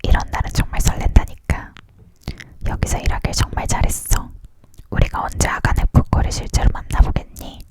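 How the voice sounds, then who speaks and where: At a fairly quick pace, a person whispers a story ASMR-style, close and leaning in, handling both narration and dialogue entirely in a whisper.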